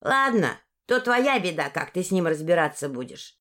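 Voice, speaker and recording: A woman's voice: lowish voice, big pitch swings, moderate pace, fairly bright tone. A woman voicing a grumpy old peasant woman who scolds bluntly in a rustic way, in an audiobook. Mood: gruff. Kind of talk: audiobook character voice.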